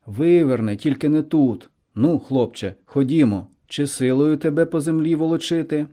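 A man voicing a stern, gruff policeman who speaks in a commanding way. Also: on the high side, moderate pace, warm tone, voice pushed up, lightly acted.

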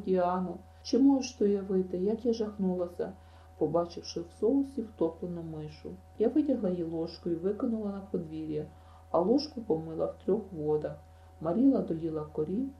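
A woman's voice: lowish voice, mellow, roomy sound, low-quality recording. A woman reading an audiobook, voicing a chatty, imaginative girl who tells her misadventures in a gushing rush. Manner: breathless, gushing storytelling.

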